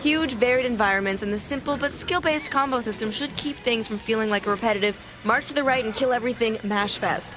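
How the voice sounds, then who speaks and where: A woman's voice: a little high, fast talker, hardly any pauses, music in the background. A woman co-hosting a video game review show, reading scripted reviews with dry, wisecracking jokes. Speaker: TV show co-host.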